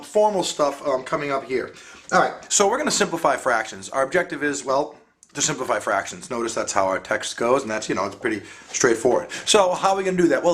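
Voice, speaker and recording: A man leads a casual math lesson in a voice pitched a bit high. He jokes with his students and calls them dudes. He thinks aloud with frequent ums and rhetorical questions. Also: fairly bright tone. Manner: playful, jokey, talks to students as dudes. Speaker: math teacher.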